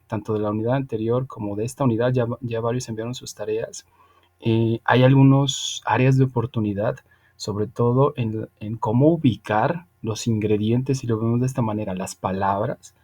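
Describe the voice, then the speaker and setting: A man teaching English over a video call, his voice mellow and relaxed. He explains patiently and keeps checking in with his students with a quick "ok?". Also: medium pitch. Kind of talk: online class lecture.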